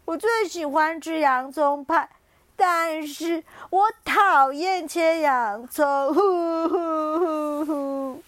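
A woman's voice: high-pitched, slow pace, a bit bright, dry recording, pitched above the performer's own voice. A woman voicing a big lion in a children's story, groaning and sobbing through teary eyes. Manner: roaring, whimpering.

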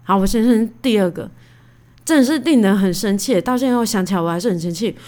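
A woman in her thirties hosting a casual solo podcast, telling stories in a chatty, animated way with lots of fillers. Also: mid-range voice, fast talker. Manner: chatty, animated, indignant retelling; many fillers like "you know". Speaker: podcast host.

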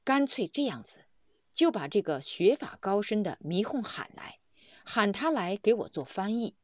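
A woman's voice: medium pitch, big pitch swings, normal speed, no echo, studio quality. Woman doing a decisive, commanding lama. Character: revered lama, man, commanding.

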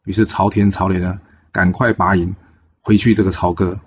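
A man telling a classic tale in a relaxed, chatty way, with frequent fillers. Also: sits low, moderate pace, breathy edge, lo-fi sound. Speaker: storyteller. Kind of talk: storybook narration.

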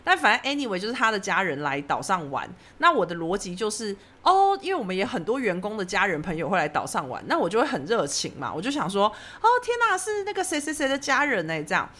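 Lively fast-talking woman telling a story. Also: medium pitch. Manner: animated storytelling, acting out her own past lines. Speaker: podcast host telling a story. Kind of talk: casual chat.

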